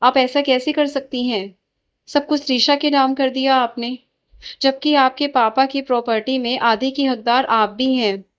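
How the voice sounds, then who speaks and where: A woman's voice: sits high, steady tone, measured pace. A woman reading the lines of an anxious middle-aged mother in a storybook tale, reproachful and concerned. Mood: angry, worried.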